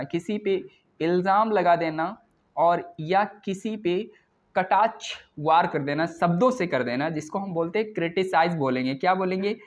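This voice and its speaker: Man teaching vocabulary, lo-fi. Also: sits high. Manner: repeats words, frequent "thik hai" check-ins. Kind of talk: explaining English words in Hindi.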